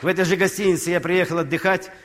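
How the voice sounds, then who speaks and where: An older man, a comedian telling humorous anecdotes in an unhurried stage monologue. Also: high voice, fairly even intonation, over a noisy crowd, very noisy. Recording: reverberant hall.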